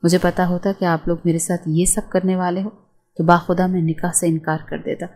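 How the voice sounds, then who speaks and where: A woman's voice: lowish voice, flat delivery, darkish tone. A woman voicing an impatient young husband in a read-aloud romance novel, coaxing and insistent. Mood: irritated.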